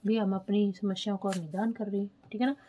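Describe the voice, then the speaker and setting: A woman teaches an exam lesson in a relaxed, mellow voice with a breathy edge. She goes slowly, says key words twice and keeps asking whether it is clear. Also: mid-range voice. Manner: explains slowly, repeats key terms, asks checking questions; spells terms out letter by letter while writing. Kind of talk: online exam-prep lesson.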